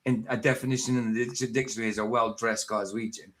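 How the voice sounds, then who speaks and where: A man's voice: mid-range voice, level tone, fast, fairly bright tone. A man from northeast Scotland with a Doric accent, chatting casually and often repeating his phrases. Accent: northeast Scottish Doric. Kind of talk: casual chat.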